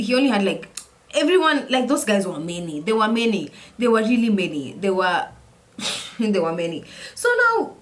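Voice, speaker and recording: A young woman telling a story in a casual chat while doing her makeup, animated and repetitive, slipping in Swahili words. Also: medium pitch. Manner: animated, repeats phrases, mixes in Swahili words. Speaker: vlogger.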